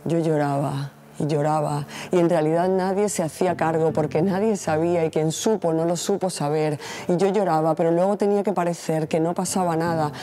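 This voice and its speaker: A woman in her forties, a poet reciting her own poem in a measured, solemn way. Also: low voice, fairly even intonation, mellow. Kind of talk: poetry reading.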